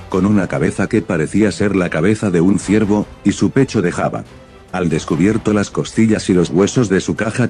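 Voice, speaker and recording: A man's voice: deep voice, darkish tone, husky, dry recording. A man reading scripted narration of a fantasy fan story.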